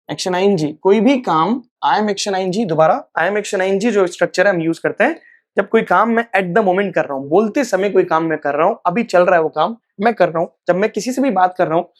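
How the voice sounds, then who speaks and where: Male spoken-English tutor, patient classroom delivery, slows right down on model sentences. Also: high voice. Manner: repeats example sentences slowly and deliberately. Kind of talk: live online class explanation.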